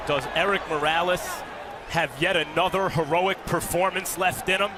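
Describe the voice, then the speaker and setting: A man giving analytical live boxing commentary in measured, rhetorical phrases. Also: high voice, fairly even intonation, background noise. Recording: very loud arena crowd behind.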